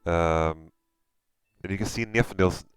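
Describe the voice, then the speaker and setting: A man's voice: low voice, measured pace, faint music behind, poor audio. A man with a Swedish accent running a tabletop game, describing scenes hesitantly with many fillers. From Sweden. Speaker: game master.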